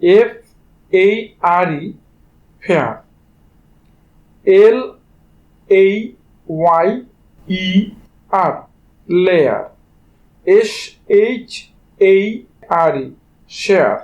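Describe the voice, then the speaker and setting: High-voiced Bengali man teaching pronunciation. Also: extremely slow, long pauses, narrow, tinny audio. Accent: Bangladeshi Bengali. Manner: spells words letter by letter before saying them; addresses students directly and informally. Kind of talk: spelling-based pronunciation lesson.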